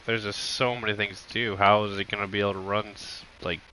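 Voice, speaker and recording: Tired sick guy streaming a game, low bright voice, flat and held back. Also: slight background noise, rough recording. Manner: deliberately monotone and subdued. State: tired and recovering from illness. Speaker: gaming streamer. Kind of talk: laid-back gameplay commentary.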